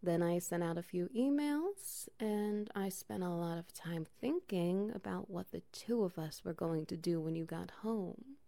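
A woman speaking a soothing ASMR comfort roleplay, soft and gentle, often slipping into a whisper. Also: on the low side, expressive, measured pace, gravelly, few pauses, no room sound. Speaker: ASMR performer.

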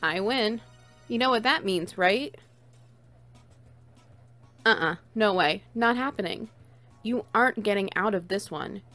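A woman's voice: medium pitch, a little slow, pauses often, fairly bright tone, soft background music, close to an everyday voice. A woman playing a playful, teasing, bossy friend in an intimate one-sided audio role-play, coaxing and doting on the listener. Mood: teasing, smug. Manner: teasing, coaxing, cooing praise.

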